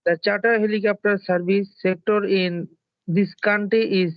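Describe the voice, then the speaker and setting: Man, Bangladeshi accent, high voice, halting reader, dry dull call sound. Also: steady tone, no echo. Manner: slow, halting reading, polite. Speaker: student. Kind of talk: reading an article aloud. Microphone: online call.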